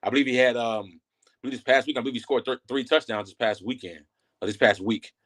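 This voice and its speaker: A man talking college football in a loose, casual way. He talks quickly and piles on fillers and restarts. His voice sits at an ordinary middle pitch. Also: fairly even intonation, a bit bright. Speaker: guest analyst. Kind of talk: casual sports talk.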